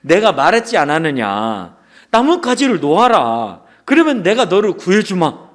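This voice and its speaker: Guy doing god talking down from above, slow and solemn, giving orders. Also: high voice, wildly swooping pitch, fairly bright tone, heavily acted. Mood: insistent. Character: calm commanding God answering from above.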